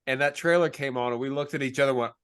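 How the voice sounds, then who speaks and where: Mid-pitched man chatting about films. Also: fairly even intonation, very fast, fairly bright tone. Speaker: podcast co-host. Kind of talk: casual movie chat.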